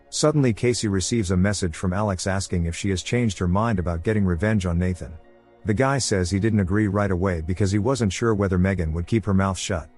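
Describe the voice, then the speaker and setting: Low husky male recap narrator. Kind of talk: scripted film recap narration. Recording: narration with faint music underneath. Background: soft background music.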